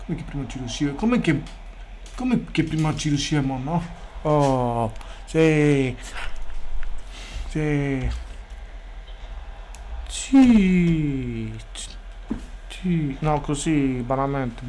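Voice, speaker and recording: A man streaming a sports video game, chatting casually, swearing freely and bursting into loud excited shouts. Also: fairly high pitch, takes it slowly, long pauses, slight background noise. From Italy. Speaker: gaming streamer. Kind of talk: casual gameplay commentary.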